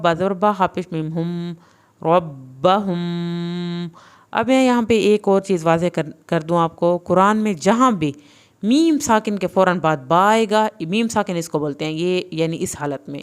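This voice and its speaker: A woman with a low, smooth, resonant voice leads a reading lesson. She spells out each syllable deliberately and joins them into words. Between drills she gives brisk, plain explanations. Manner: explains rules in quicker, plain teacherly asides. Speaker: Quran reading teacher. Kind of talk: recorded online lesson.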